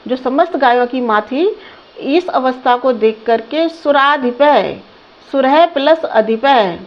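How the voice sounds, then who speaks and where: Slow high-voiced woman teaching a lesson. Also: muffled recording. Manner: slow, repeats words and asks the class questions. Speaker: Sanskrit teacher. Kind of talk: line-by-line lesson translation.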